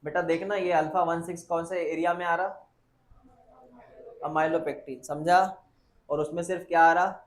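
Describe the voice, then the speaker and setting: A man with a fairly high voice teaches biology in a classroom that rings with echo. He repeats each point several times and keeps firing short questions at his students. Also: flat delivery. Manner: repetitive, quizzing students with quick questions. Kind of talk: classroom lecture. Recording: echoey classroom.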